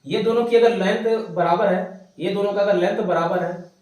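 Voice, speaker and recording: A man teaching a maths class, slowly dictating theorems and repeating each phrase for students to write down. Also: high voice, a little mellow. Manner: slow repeated dictation, mixing Hindi with English terms. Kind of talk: classroom lecture, dictating notes. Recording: echoey room, voice from a distance.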